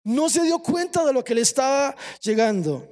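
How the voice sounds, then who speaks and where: A man preaching a sermon to a congregation, emphatic, slowing down for scripture and asking the listeners questions. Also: very high voice, sing-song, darkish tone. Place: church service.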